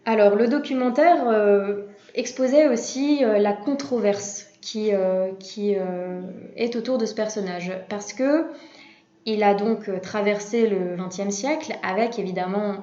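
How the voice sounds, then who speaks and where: A woman giving a prepared practice speech to interpreters, relaxed and conversational, with frequent hesitations. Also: medium pitch, unhurried, roomy sound, dull audio.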